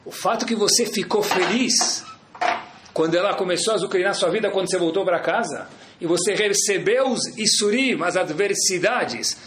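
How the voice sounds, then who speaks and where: A man voicing a wise, revered old rabbi who gives counsel calmly and instructively. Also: high voice, moderate pace, background noise, close to an everyday voice. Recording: echoey room.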